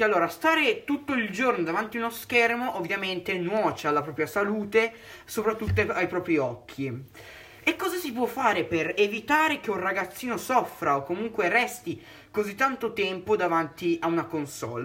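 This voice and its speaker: A man's voice: high-pitched, bright, forceful tone. A man co-hosting a podcast, explaining his topic in a methodical way. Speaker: podcast co-host. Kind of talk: podcast discussion.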